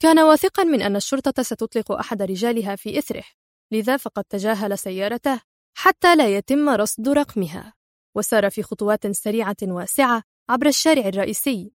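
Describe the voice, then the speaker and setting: Casting: woman storyteller, higher voice, close and dry recording. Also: no room sound. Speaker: narrator. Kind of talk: dramatic story reading.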